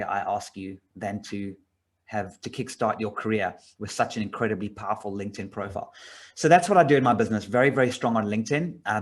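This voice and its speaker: Middle-aged man presenting slides, rambling. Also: on the low side. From South Africa. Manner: rambling with frequent fillers and restarts. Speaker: business owner presenting a job opportunity.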